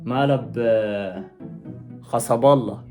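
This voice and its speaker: Speaking slowly in a mid-range voice, this young Egyptian-accented man runs a relaxed at-home prank vlog. He needles his sister with pretend fury, swinging between playful anger and laughter while faint music sits behind him.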